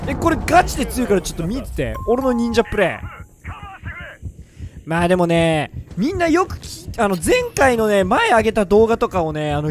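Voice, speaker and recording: A hoarse man giving excitable, joking gameplay commentary, often mocking himself. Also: high-pitched. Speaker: gaming video creator.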